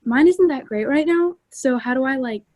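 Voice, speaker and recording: A young woman asks a question on a video call, hesitating and filling gaps with "like". Her voice sits a little high and sounds mellow. The sound is dry and close. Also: lively intonation, normal speed, no echo. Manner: hesitant, filler-heavy. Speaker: scout asking a question.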